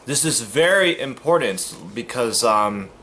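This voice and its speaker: An American man talks straight to his camera in a loose vlog monologue. His voice sits at an ordinary middle pitch, and he circles his point with fillers and restarts before landing on it with earnest emphasis. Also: lively intonation, measured pace, sharp tone, slight background noise. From United States. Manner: rambling, repeats himself, many fillers and restarts. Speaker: vlogger.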